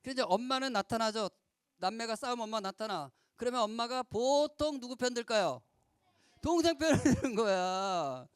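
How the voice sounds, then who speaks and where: Animated high-voiced man telling a story. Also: normal speed, clear, resonant tone, no echo. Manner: lively, acts out quoted lines, asks the audience questions. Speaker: lecturer. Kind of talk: animated storytelling lecture to children. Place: lecture hall at a youth camp.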